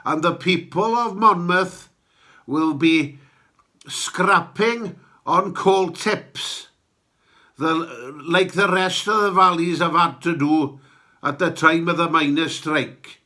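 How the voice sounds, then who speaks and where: A man's voice: on the high side, slow, pushed and bright. A man voicing a solemn North Walian political sidekick with a North Wales accent in a comic podcast dialogue, speaking in a portentous way.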